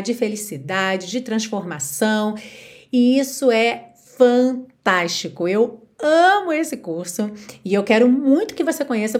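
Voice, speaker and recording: A woman with a Brazilian Portuguese accent, an English teacher giving an upbeat online pronunciation lesson through songs. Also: a little high. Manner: enthusiastic, demonstrates by singing lyric lines.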